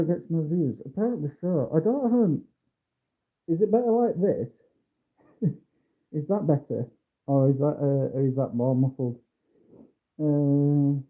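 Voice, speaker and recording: A man's voice: fairly high pitch, measured pace, pauses often. Muffled man, as if through a wall. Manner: mumbling to himself, humming filler sounds. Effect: muffled voice, as through a mask or a wall. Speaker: livestreamer. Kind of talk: casual livestream chatter while building a model kit. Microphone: phone mic. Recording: tinny muffled phone audio.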